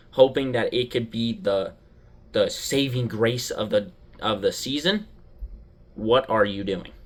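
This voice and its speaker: A man giving a casual opinion monologue as a sports video host, animated and dramatic, with rhetorical questions. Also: medium pitch.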